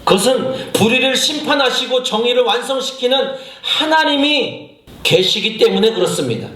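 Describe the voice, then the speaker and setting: A man's voice: very high-pitched, animated, moderate pace, sharp tone. A male senior pastor preaching a sermon, impassioned, acting out his own prayers and putting questions straight to the congregation. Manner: addresses the congregation directly with questions. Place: church sanctuary. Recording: echoey church hall.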